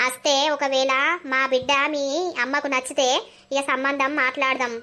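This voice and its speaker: A woman's voice: high voice, monotone, normal speed, pushed and bright. A woman voicing a caring middle-aged village mother in a cartoon, with a Telangana Telugu accent and a coaxing, motherly way of talking. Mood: gentle. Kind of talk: animated cartoon voice acting.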